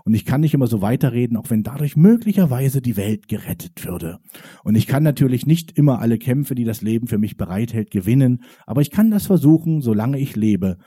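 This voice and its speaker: A man's voice: medium pitch, sing-song, a little fast, mellow, breathy edge. A man in his forties performing spoken-word poetry with a rhythmic, wry, confessional delivery. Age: 40s.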